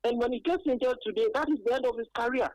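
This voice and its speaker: A woman with a Ghanaian accent calls in to a radio sports show on a clipped telephone line to give her opinion. Her voice is on the high side with a darkish tone and a dry sound, and she races along, arguing earnestly and emphatically with frequent hesitations.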